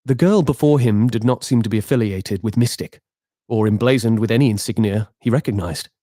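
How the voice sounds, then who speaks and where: A man with a fairly low voice tells a dramatic tabletop epilogue at a measured pace. The sound is dry and close, with no room around it. He reads it as game master, in a scripted style. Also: mellow, no room sound.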